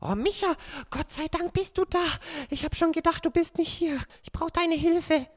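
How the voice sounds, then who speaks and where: A frightened, excitable fairy-tale girl acted by a woman with a high voice, recorded dry. She pleads and exclaims breathlessly, in the manner of a children's radio play. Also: moderate pace, no echo. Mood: urgent, pleading. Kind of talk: children's audio play acting.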